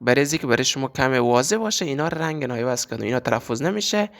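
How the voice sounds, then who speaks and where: A man teaching a language lesson, repeating example words slowly and drawn out. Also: medium pitch, expressive, a bit bright. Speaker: French teacher.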